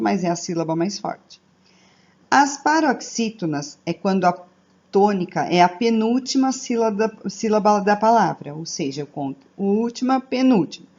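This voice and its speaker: A woman teacher with a Brazilian Portuguese accent, giving a slow, careful recorded grammar lesson and checking in with her class. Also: mid-range voice, darkish tone, dull audio.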